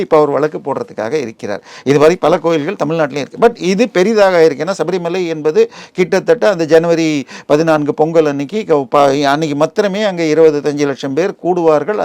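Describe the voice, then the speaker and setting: A man with a Tamil Nadu accent offers digressive, explanatory commentary in a news interview, often adding comparisons and figures. His voice sits high and is a little mellow. The recording has no echo.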